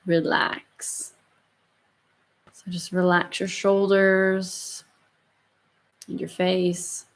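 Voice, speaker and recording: A yoga instructor, a woman, guides a meditation in a soft, soothing murmur of medium pitch. She speaks slowly, leaving long pauses between phrases.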